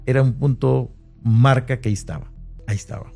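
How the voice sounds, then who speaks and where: Man, Mexican Spanish accent, mellow mid-pitched voice, halting first-person storytelling with faint music behind. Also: steady tone, creaky. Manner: hesitant, with many restarts and fillers, slowing at tense moments. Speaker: interviewee recounting an encounter. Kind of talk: conversational first-person account.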